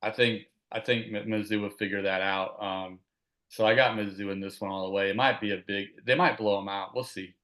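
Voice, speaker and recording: Male sports-talk host, low pitch, easygoing, leads the conversation. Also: fairly even intonation, a little fast, a bit bright. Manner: easygoing, steers the topics.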